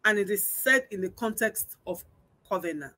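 A woman's voice: mid-range voice, animated, normal speed, pushed and bright. A woman preaching a sermon, emphatic and repeating phrases for emphasis. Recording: online church stream.

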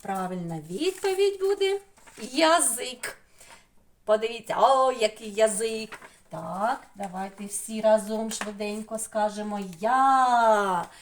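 A woman's voice: medium pitch, animated, unhurried, darkish tone, a little hiss or hum. A woman with a Ukrainian accent teaching young children online, stretching out syllables in a sing-song way. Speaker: preschool teacher.

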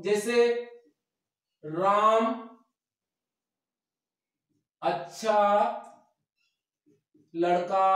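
Guy teaching grammar for exams, kinda high voice, repeats definitions slow like dictation, really echoey room, mic sits far off. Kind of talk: board exam grammar lesson.

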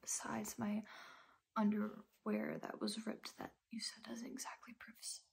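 A young woman acting a dramatic monologue as a distressed, ashamed young woman, with halting, tragic sorrow in her fragile voice. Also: medium pitch, completely flat delivery, in a whisper, full character voice. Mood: hopeless. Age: young adult. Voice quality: breathy, husky, fragile.

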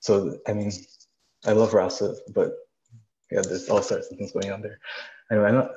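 A young man from Barbados, chatting casually as a participant on a video call, relaxed with fillers. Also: lowish voice, normal speed, highs cut off, a little hiss or hum. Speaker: audience participant. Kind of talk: casual discussion.

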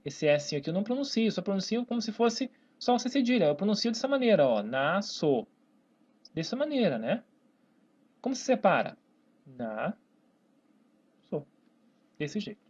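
A medium-pitched, sing-song voice, quick and a little mellow yet slightly rough, belongs to a Brazilian-accented Portuguese teacher. Working at a whiteboard, they teach grammar by stretching each word into syllables and keep asking "né?" and "tá, pessoal?". The audio is dull and lo-fi.

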